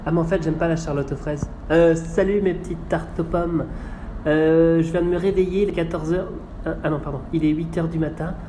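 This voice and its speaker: A man's voice: on the high side, steady tone, a little fast, dark tone, slight background noise, natural voice. A man playing a scatterbrained influencer who pushes a slimming product in a rambling, muddled way, keeps correcting himself and slips up in a comedy sketch. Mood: dopey, chipper.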